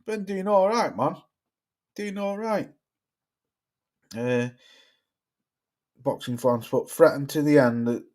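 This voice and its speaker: A man's voice: medium pitch, a little mellow. A man hosts a casual live boxing chat. He reads viewers' comments aloud and answers them in a loose, rambling way. He swears freely as he talks. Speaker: boxing livestream host.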